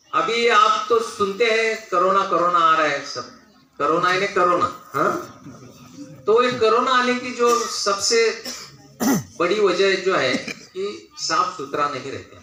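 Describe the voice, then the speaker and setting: A man's voice: high-pitched, pushed and bright. An older man giving an earnest, anecdote-filled public speech as a guest speaker at a school function. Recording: echoey hall, voice from far off.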